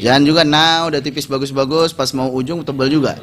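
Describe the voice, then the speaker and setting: An Indonesian man teaching Quran recitation, modeling each word slowly and then correcting and explaining. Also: mid-range voice, fairly even intonation, noisy background. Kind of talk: step-by-step recitation lesson.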